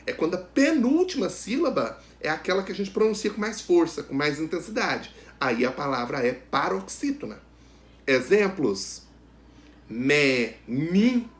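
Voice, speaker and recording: A man teaching a grammar lesson, asking questions and answering them himself, stretching out each example word slowly and loudly. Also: on the high side, sing-song. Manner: addresses students directly, asks and answers questions.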